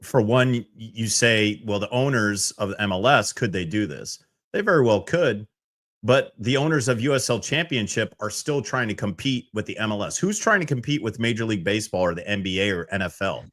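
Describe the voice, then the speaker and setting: A man co-hosting a podcast talks sports casually, his voice fairly low and brisk. He's lively and animated, backing up his points with business analogies.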